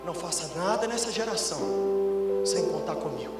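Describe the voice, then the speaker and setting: A middle-aged man from Brazil, a pastor preaching a sermon through a long story, going from loud bursts to hushed lines. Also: sits high, animated, fairly quick. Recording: music and long reverb in a big hall.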